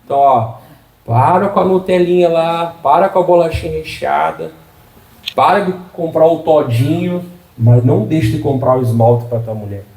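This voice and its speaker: Middle-aged male pastor, folksy and joking, mellow tone, echoey church sound. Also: fairly high pitch, moderate pace, far from the mic. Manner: humorous, folksy preaching with frequent call-and-response. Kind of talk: sermon.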